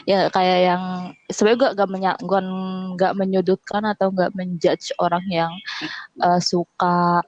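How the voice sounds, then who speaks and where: A woman's voice: lowish voice, level tone, unhurried, darkish tone. A young woman co-hosting a podcast in casual chat, rambling and correcting herself as she goes. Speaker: podcast co-host. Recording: muffled lo-fi sound.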